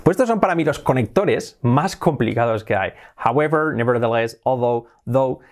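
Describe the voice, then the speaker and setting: A young man with a Spanish accent, a native Spanish speaker, gives a casual video lesson, mixing Spanish explanations with slow, repeated English examples. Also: medium pitch, lively intonation. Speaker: English teacher.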